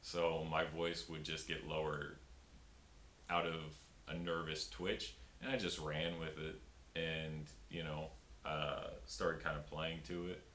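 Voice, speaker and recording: Slow and flat, yet fairly bright, a very deep male voice belongs to a young comedian talking casually in an interview. Fillers and restarts are frequent. He's seen from the upper body via a fixed camera in a small room with a pink backdrop, and the recording sounds roomy with a light hiss.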